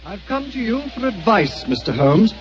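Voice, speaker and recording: In a 1940s radio drama, an actor plays an anxious, brusque insurance broker client who sounds urgent, worried and businesslike. His high-pitched voice is sing-song at normal speed, on a dull old broadcast with faint hiss and faint music behind.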